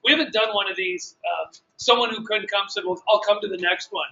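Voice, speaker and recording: A man with a loud, high voice and vocal fry hosts a business training seminar in a hotel meeting room, briskly going over the day's plan to the room with lots of filler words. The mic isn't working, so it's a dull, lo-fi room recording with faint noise.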